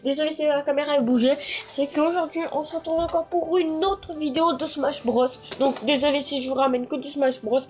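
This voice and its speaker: A gaming channel host with a cold and a blocked nose chats casually through her gameplay, lying down in a small bedroom that echoes. She has a high, somewhat mellow voice with fairly even intonation and talks a little fast, rambling with fillers and restarts. Game music plays, and the handheld console camera gives dull audio.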